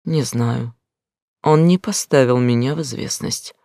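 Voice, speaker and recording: A man playing a weary, guarded older brother who speaks in a flat, subdued way. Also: medium pitch, a little slow, vocal fry, no room sound, studio quality.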